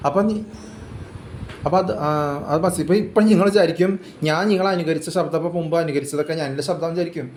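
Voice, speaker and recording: Rambling man, quick and high-pitched, casual talk, echoey room with faint hiss. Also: fairly even intonation, darkish tone. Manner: rambling, repetitive, hesitant restarts. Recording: roomy echo with faint ambient noise.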